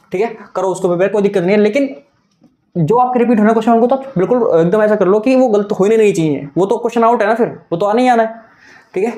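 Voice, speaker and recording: A man's voice: sits high, warm tone. A young adult man teaching a maths exam-prep lesson, talking in a coaxing, repetitive way and mixing in English terms.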